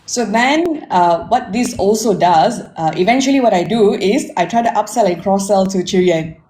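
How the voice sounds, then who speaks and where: With a warm, medium-pitched voice and lively intonation at a moderate pace, a forty-year-old Malaysian-accented interview guest talks informally about herself and her career in marketing technology consulting. She speaks directly to listeners, checking in with "right?", and the recording sounds echoey with faint background noise.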